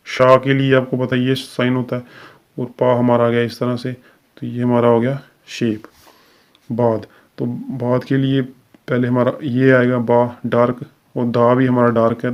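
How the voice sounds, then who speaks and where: A man talks through a recorded lesson in a steady, unhurried teaching manner. His pitch sits in an ordinary middle range but barely moves, so his delivery stays even and level. He pauses with small fillers as he explains each step. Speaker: shorthand teacher.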